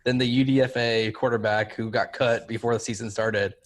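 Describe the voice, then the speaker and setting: A young man co-hosting a casual football podcast, giving quick analysis full of "like" fillers. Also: on the low side. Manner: quick, even-toned analysis with many "like" fillers. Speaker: podcast co-host. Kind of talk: casual sports chat.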